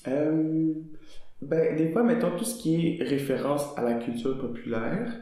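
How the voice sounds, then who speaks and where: A man's voice: fairly high pitch, a little slow, dark tone. Young Québécois man, very echoey room. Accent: Québécois French. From Montreal, Quebec. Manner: hesitant, filler-heavy, laughs easily. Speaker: guest. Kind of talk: casual conversation.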